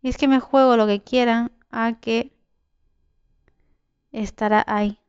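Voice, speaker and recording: A woman's voice: a little high, steady tone, measured pace, clear, resonant tone, no room sound, muffled recording. A young woman with a Spain Spanish accent giving casual gameplay commentary, chatting to herself and her viewers, with sudden shrieks and swearing. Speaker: gameplay streamer.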